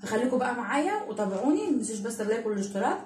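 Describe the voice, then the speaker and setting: A woman's voice: on the high side, very animated, rapid-fire, a little mellow. A woman in her thirties with an Egyptian accent, chatting affectionately to her viewers about home cleaning as a mother and vlogger. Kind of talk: casual chat to viewers. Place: home indoors. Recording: echoey room, distant mic, noisy.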